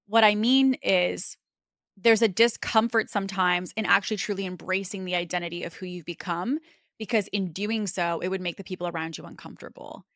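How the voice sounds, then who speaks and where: A woman's voice: medium pitch, fairly even intonation, brisk, fairly bright tone, no echo, clean studio sound. A woman hosting a podcast, speaking in an earnest, reflective monologue with a casual conversational flow. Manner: earnest, conversational, with frequent "like" and "you know". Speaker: podcast host.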